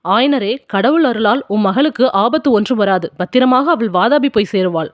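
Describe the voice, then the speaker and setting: A woman voicing a gentle male monk disguised as a king, speaking in a calm, measured way in an audiobook. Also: on the high side, dry recording, clean studio sound, natural voice.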